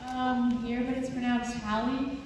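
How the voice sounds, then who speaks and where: A woman acts out an unimpressed student in a school comedy skit, sassy and correcting. Her voice is high. It sounds distant and very echoey, with loud noise over it. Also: level tone, a little slow, natural voice. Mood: deadpan annoyed. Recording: echoey hall, distant mic, heavy noise.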